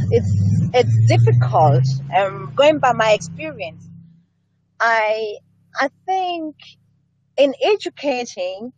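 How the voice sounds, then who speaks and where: A woman's voice: a little high, darkish tone, no room sound, muffled recording. A woman speaking as a health educator in an earnest interview, repeating key phrases for emphasis. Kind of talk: earnest conversational discussion on health.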